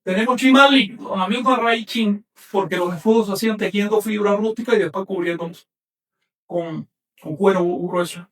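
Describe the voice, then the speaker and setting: High-voiced man teaching a class. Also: fairly bright tone, distant mic. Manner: slow, emphatic spelling out of syllables; corrective, insistent. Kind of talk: online class lecture.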